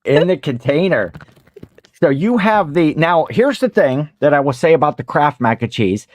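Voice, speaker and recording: A man's voice: fairly high pitch, sing-song, moderate pace, no echo. A man with a Midwestern American accent hosting a casual livestream, rambling while he eats and greets viewers in the chat. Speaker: host of a reseller livestream.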